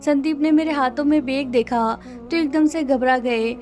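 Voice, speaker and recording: A woman reading a scripted first-person story in a steady, measured way. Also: high-pitched.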